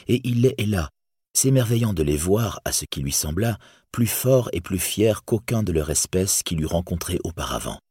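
A man reading a fantasy tale aloud in a measured, solemn storytelling voice. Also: deep voice, a little mellow, husky, no echo, studio quality. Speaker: narrator.

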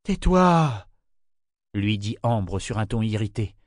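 A man's voice: mid-range voice, normal speed, a little mellow, no room sound, studio quality. A man narrating a novel as an audiobook, reading with voices for each character.

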